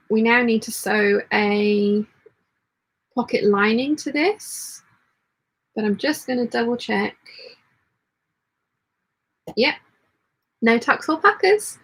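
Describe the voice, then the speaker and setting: A woman hosting a casual live sewing hangout, talking through her work and chatting along, with a slightly husky voice. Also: on the high side, rough recording. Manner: muttering commentary while working; reads chat messages aloud. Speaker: sewing livestream host.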